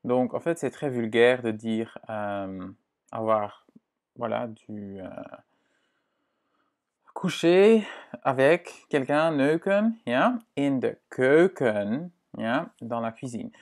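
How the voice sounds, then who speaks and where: Slow, patient male language teacher. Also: mid-range voice. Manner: slow, patient, with many fillers and checks like "hein?" and "ok?"; repeats words slowly and carefully to model pronunciation. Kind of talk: online language lesson.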